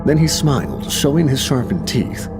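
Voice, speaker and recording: Male horror narrator, gravelly voice, lively dramatic delivery, first-person story, background music. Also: mid-range voice, moderate pace.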